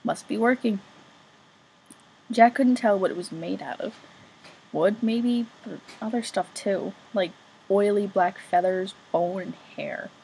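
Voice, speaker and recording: A woman's voice: mid-range voice, unhurried, creaky, warm tone, husky, rough recording. A woman reading a novel chapter aloud as an amateur reader, casually remarking on her own slips.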